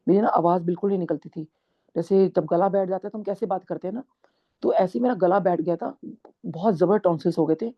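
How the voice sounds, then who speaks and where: A woman's voice: lowish voice, fast talker. Earnest middle-aged woman, dull lo-fi sound. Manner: earnest, mixes English words into her speech. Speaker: satsang speaker sharing a testimony. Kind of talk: devotional testimony storytelling. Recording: dull lo-fi recording.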